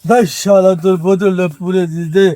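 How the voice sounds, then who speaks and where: A man playing a belligerent, foul-mouthed village drunk in a comedy skit, cursing and shouting. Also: high-pitched, flat delivery, normal speed, dry recording, natural voice. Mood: rowdy, demanding.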